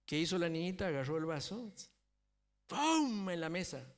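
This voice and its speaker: A man's voice: fairly high pitch, fast, a little hiss or hum. A man preaching a sermon as a pastor, telling a story and often checking in with the congregation. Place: church.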